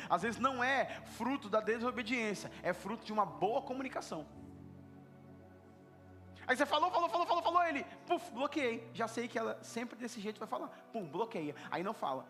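A male pastor preaching an animated sermon, repeating words for emphasis and acting out little dialogues. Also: high-pitched, a little fast, soft background music. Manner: animated, repetitive, acts out dialogues.

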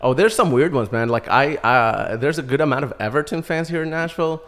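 A man's voice: a little high, brisk, a bit bright. A man in his thirties, from Iraq, a podcast guest telling his story in a chatty way and laughing often. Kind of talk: casual chat.

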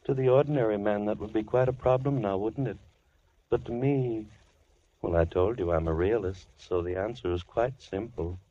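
An actor playing a soft-spoken, coldly polite madman in a 1940s radio drama. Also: on the low side, close to an everyday voice. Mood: menacing. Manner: slow, silky, coldly polite. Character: menacing soft-spoken male madman, middle-aged. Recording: muffled 1940s radio recording with hiss.

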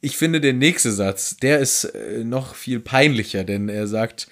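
A man's voice: mid-range voice, measured pace. A man co-hosting a casual podcast, teasing and reading quotes aloud with dry humor. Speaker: podcast co-host. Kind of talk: casual book discussion.

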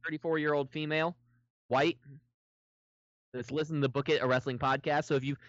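A man's voice: fairly high pitch, a little fast, dry recording. A man co-hosting a casual podcast, teasing and cursing as he jokes around. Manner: teasing, swears, lively. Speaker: podcast co-host. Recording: dull lo-fi mic.

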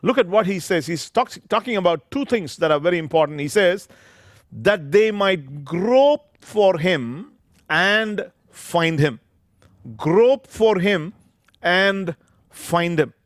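Slow-preaching pastor at a pulpit mic. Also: male voice, high voice, lively intonation, dry recording, clean studio sound. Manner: emphatic, stretches out scripture phrases word by word. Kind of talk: preaching a sermon. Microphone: pulpit microphone.

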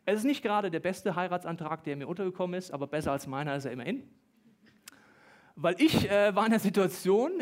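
This high-voiced preacher, a man in his thirties, keeps his sermon humorous and energetic. Quips slip in between stretches where he talks very fast.

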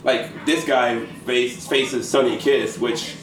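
A man's voice: mid-range voice, fairly even intonation, takes it slowly. A middle-aged man from the Chicago area co-hosting a casual podcast chat, ranting and swearing, laughing often. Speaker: podcast co-host. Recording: echoey room, mic a bit far, faint noise.

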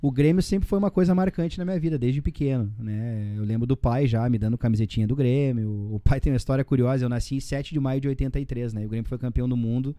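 A man in his forties with a Rio Grande do Sul accent, speaking quickly and tumbling from one story to the next. His voice is dark and mellow, heard dry and close. He keeps dropping tag questions and casual slang as he talks. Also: mid-range voice, no echo. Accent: Rio Grande do Sul Portuguese. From southern Brazil. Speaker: guest.

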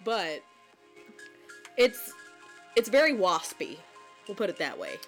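Woman, congested, podcast co-host, wry jokes, mid-pitched, faint music underneath. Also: huge pitch swings, slow pace. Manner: wry, joking asides. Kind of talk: casual chat.

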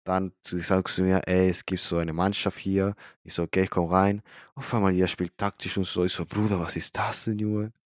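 A man's voice: deep voice, little pitch movement, moderate pace, dry recording, clean studio sound. A man from Chile speaking German, chatting casually on a podcast, slangy and often searching for words. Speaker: podcast co-host. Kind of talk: casual chat.

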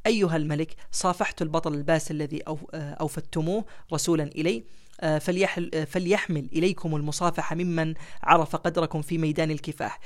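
Male history host, slightly higher voice, halting narration with many fillers, turns formal when reading letters. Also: steady tone. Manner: frequent hesitant fillers between phrases. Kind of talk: casual history storytelling, reading letters aloud.

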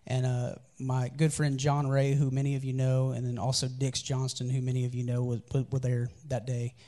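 A man's voice: mid-range voice, monotone, moderate pace, dark tone. A man preaching a sermon as pastor, telling candid personal stories in a conversational, earnest way.

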